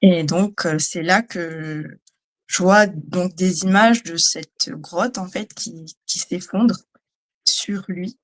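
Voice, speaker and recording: A woman giving a personal testimony, speaking in a hesitant, halting way with many fillers. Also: on the low side. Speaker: guest, trainee.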